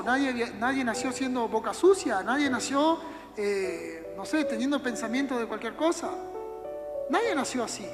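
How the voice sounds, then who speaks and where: A woman with a Uruguayan accent gives a relaxed, conversational sermon to young people, slipping into quick acted-out scenes. Her voice sits high and rings through a reverberant church hall. Music plays clearly underneath her. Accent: Uruguayan Spanish. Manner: conversational, acts out little everyday scenes. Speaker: youth preacher. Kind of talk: casual sermon. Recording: echoey hall with music behind.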